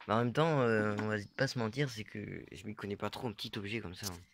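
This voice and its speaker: A man's voice: lowish voice, fast, vocal fry, fairly bright tone. A young man casually showing his metal-detecting finds, talking hesitantly with many fillers and unsure asides. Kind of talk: casual show-and-tell vlog.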